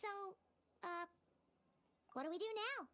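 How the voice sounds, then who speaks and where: Tiny sassy sidekick: very high, bright and bouncy, wry, game music under. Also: female voice, lively intonation, heavily acted. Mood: chirpy, curious. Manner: quick, sassy, wry quips. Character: small chirpy female travel companion. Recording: game audio with music behind.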